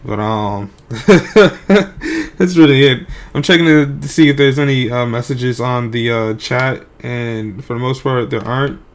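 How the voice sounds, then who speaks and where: A man's voice: medium pitch, fairly even intonation, moderate pace, hardly any pauses. A young man live-streaming his game development at night, sleepy, his voice a little worn, rambling and hesitant with many fillers. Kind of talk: casual live-stream talk.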